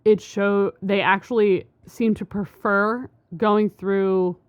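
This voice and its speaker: Slow-talking woman, smooth dry voice. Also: medium pitch, fairly even intonation, no echo, highs cut off. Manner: rambling with frequent fillers and restarts. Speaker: podcast co-host. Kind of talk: casual science chat.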